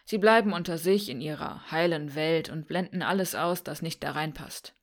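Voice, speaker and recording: A woman voicing a cynical young man who grew up in the slums, speaking dryly and calmly. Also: deep voice, moderate pace. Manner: dry, cynical.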